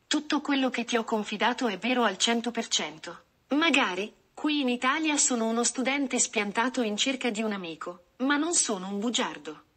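A nervous, affectionate young male student, read aloud by a woman. His lines come out pleading and anxious, in a fairly high voice. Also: expressive, normal speed, a bit bright, husky.

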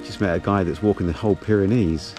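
Speaking quickly in a low, fairly even voice, a middle-aged hiking vlogger talks casually to his camera and dog as he walks a mountain ridge. Background music accompanies the clip, recorded on an action camera held on a pole.

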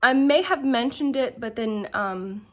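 A woman's voice: fairly high pitch, lively intonation, unhurried, fairly bright tone. A young woman chatting to camera from her bedroom at home, meandering and filling her talk with ums and likes. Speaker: vlogger. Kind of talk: casual chat to camera.

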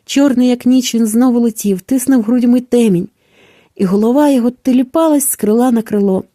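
A woman narrating a children's story in a calm, measured storytelling manner. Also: a little high, dry recording, studio quality. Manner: calm, measured storytelling with falling phrase endings.

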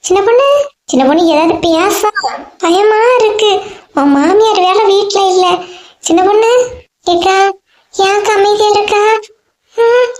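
A woman's voice: extremely high pitch, measured pace, pauses often, darkish tone, reverberant. A woman with a Kanyakumari Tamil accent voicing chatty, scolding village women in a cartoon story. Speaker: cartoon voice artist.

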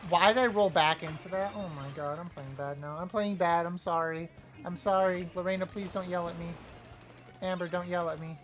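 A woman streaming a live game, trash-talking playfully, apologizing to teammates and suddenly yelling when a play goes wrong. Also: lowish voice, moderate pace, faint music behind. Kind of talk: live gameplay commentary.

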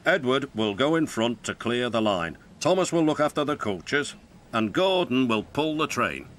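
A man's voice: mid-range voice, big pitch swings, moderate pace, a little hiss or hum. A man voicing a stern, pompous railway boss. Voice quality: formal, commanding. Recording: narration over loud music.

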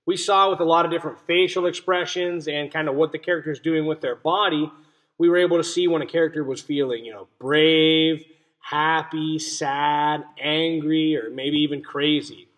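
A young adult man with a fairly high, slightly bright voice speaks at normal speed with fairly even intonation. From a small room at home, recorded on a webcam or laptop mic at arm's length, he teaches young children a read-aloud lesson, explaining simply and stressing key words.

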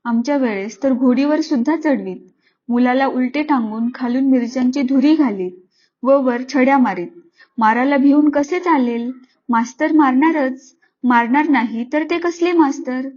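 A woman reading the part of an old-fashioned father who coaxes his son in a brisk, matter-of-fact way. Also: high voice, darkish tone. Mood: coaxing. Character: stern but kindly old-fashioned father. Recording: slightly dull lo-fi recording.

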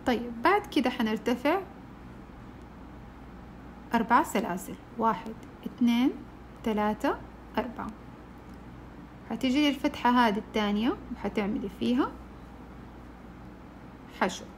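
A woman's voice: fairly high pitch, expressive, moderate pace, pauses often, a little hiss or hum. A woman teaching a crochet shawl step by step, patiently counting stitches aloud. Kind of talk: step-by-step tutorial.

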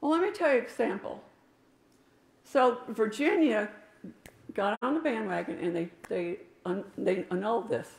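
A woman's voice: on the high side, lively intonation, moderate pace, gravelly, a little mellow. An older woman preaching a sermon in a church, emphatic and talking with her hands, with asides to the congregation. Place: church sanctuary. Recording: echoey church room.

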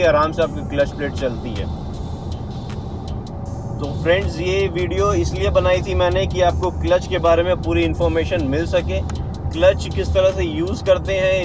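A man explaining clutch use step by step while he drives, with fillers and restarts. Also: on the high side. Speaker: driving instructor. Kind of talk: casual in-car driving tutorial. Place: inside a car on a city road. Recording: car and road noise behind.

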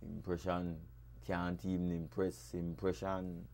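Deep-voiced Belizean dub poet. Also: male voice, completely flat delivery, takes it slowly. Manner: rhythmic, rhyming delivery with sharp swings in loudness. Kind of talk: dub poetry recital.

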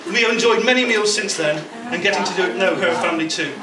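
Filmed from across an indoor function room, a middle-aged best man delivers a prepared, funny speech at a wedding reception via a handheld mic and PA speaker. His voice sits high, and he pauses measuredly between anecdotes. Loud chatter from guests and room noise make the distant, echoey recording very noisy.

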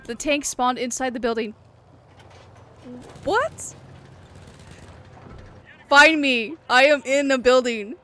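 A woman's voice: high voice, fairly even intonation, normal speed, hardly any pauses, pushed and bright. A woman hosting a gaming channel, giving laughing, exclamatory commentary as she plays an online shooter with friends. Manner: giggly, exclamatory, amused. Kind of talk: laughing live gameplay commentary.

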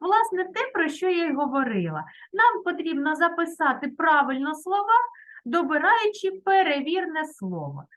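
A woman teacher talks to small children in a high, bright voice. Her melody rises and falls widely, with sing-song storytelling and strong stress on single vowels. She stays gentle and encouraging throughout. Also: big pitch swings, moderate pace. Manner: sing-song, exaggerated emphasis on sounds. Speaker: primary school teacher. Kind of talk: storytelling lesson for young children.

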